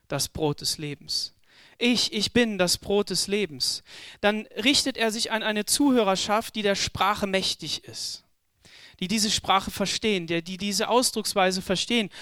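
A male preacher delivering a sermon with a high, smooth, resonant voice. He talks slowly and with emphasis, doubling words to drive each point home. The sound is dry, with no room echo. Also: bright, forceful tone. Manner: slow, emphatic, repeats words for stress.

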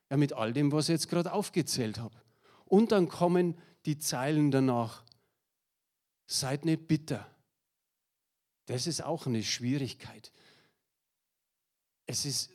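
Lively middle-aged German preacher. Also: male voice, a little high. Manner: lively, addresses the congregation directly, with a slide presentation; personal anecdotes with self-deprecating humor. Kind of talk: sermon.

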